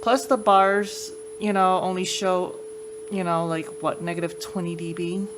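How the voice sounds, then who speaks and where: The host of a tape deck tech channel, a woman with a lowish, fairly even, slightly slow voice, gives a casual how-to demonstration. She explains informally and a bit hesitantly, with clear background noise and room ambience around her.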